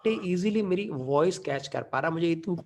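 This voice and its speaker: A man's voice: on the high side, lively intonation, moderate pace, a little mellow. A man running a live online class, explaining studio gear casually and checking in often with his students, heard through different mics and at times from far off. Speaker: online teaching trainer. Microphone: USB studio mic and headset mic in turn.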